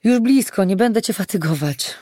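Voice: medium pitch, animated, normal speed, mellow, dry recording, clean studio sound, pitched above the performer's own voice, close to an everyday voice. An audiobook reader voicing a frightened, angry young woman who snaps back in a raised, exasperated voice. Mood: curt.

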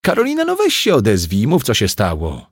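Pushy chatterbox waitress, young woman, high and loud, played by a husky-voiced male reader for an audiobook. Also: huge pitch swings, no room sound, clean studio sound, heavily acted. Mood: insistent. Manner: rapid, insistent and overfamiliar.

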